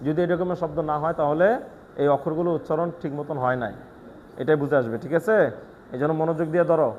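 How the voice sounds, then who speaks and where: A man giving a one-on-one lesson in Quran recitation, explaining pronunciation quickly and patiently, then reciting slowly. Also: on the high side, steady tone, narrow, tinny audio, slight background noise.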